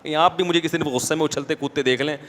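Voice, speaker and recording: Male preacher, fairly high voice, hushed asides and loud emphatic points, long hall reverb. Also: steady tone, a little hiss or hum. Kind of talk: lecture to a live gathering.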